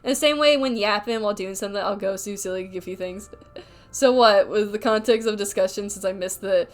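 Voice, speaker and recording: A woman's voice: mid-range voice, fairly quick. A woman livestreaming while drawing, rambling candidly in casual chat, full of filler words, reading chat aloud and reacting.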